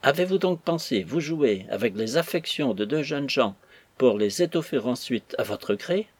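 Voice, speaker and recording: A man voicing a loyal young army captain in an audiobook, speaking calmly and politely with a husky voice. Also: mid-range voice, normal speed, no room sound. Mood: earnest. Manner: calm, polite, persuasive. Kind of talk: audiobook character voice.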